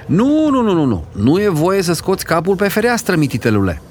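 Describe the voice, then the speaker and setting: A man's voice: high-pitched, huge pitch swings, darkish tone, slight background noise, voice pushed up. Man doing a reproachful young passenger. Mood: warning. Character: polite young man turned spiteful.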